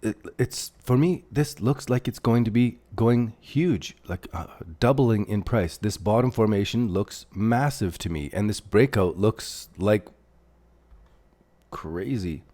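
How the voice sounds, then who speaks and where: Low-voiced Canadian man rambling over charts. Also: slow pace, mellow. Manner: rambling, thinks aloud while drawing on charts; reads out and answers viewer chat. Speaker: crypto livestream host. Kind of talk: casual livestream chart commentary.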